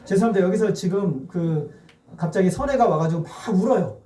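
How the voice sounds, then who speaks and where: A male pastor preaching a sermon in a church sanctuary, animated and firing rhetorical questions at the congregation. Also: high-pitched, brisk. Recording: echoey church hall.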